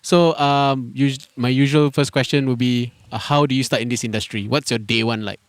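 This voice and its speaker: A man's voice: mid-range voice, fairly even intonation, normal speed, no room sound. Singaporean male co-host, mid-range voice, wry and joking. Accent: Singaporean English. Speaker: podcast co-host. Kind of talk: casual interview.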